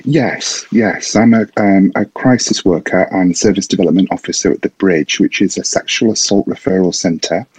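A man's voice: low-pitched, moderate pace, few pauses, darkish tone, breathy edge, no room sound, low-quality recording. A man answering interview questions as a guest who works in crisis support.

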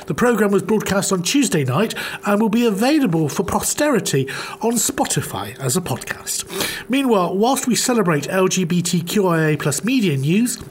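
A man reading out a scripted news bulletin on a radio show, with a formal, measured delivery. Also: high voice, sing-song, a little hiss or hum. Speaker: news presenter.

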